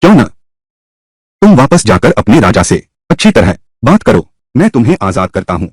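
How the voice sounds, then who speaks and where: A calm male royal in a dubbed period drama a hoarse-edged, husky timbre. The reassurance comes in a soft, low voice with a lively, swinging pitch. The sound is close and completely dry, with no room around it. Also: moderate pace, no room sound. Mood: reassuring. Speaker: dub actor.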